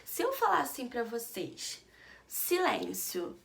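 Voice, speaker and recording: Brazilian portuguese teacher lady, slow sing-song voice for little kids, asks and answers her own questions. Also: medium pitch, expressive, a bit bright. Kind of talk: children's reading lesson.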